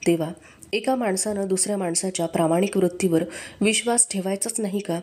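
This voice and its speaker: A woman reading the part of a gentle, trusting male saint in a storybook reading, in an earnest, pleading tone. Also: medium pitch, fairly quick, husky, lightly acted. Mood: pained earnest. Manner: earnest, pleading prayer to God.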